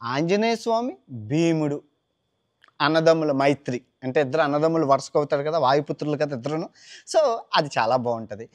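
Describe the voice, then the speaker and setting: A man's voice: fairly high pitch, lively intonation, a little fast. A man retelling an epic tale in a casual, colloquial way, stepping into the characters' lines with big swings of voice. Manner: chatty, colloquial, mixes English words. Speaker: storyteller. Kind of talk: casual storytelling with acted quotes.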